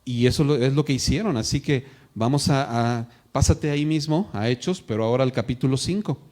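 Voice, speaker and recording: A man preaches at a church service, in a voice of middling pitch for a man. He keeps asking the congregation questions and acts out the voices of the people he quotes. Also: fairly quick, darkish tone. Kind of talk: sermon. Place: church service streamed live.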